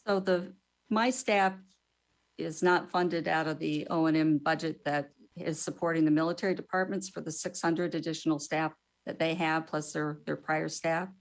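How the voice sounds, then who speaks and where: Slightly low-voiced woman official testifying. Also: fairly even intonation, normal speed, low-quality recording. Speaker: government official testifying as witness. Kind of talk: formal testimony, explanatory answers.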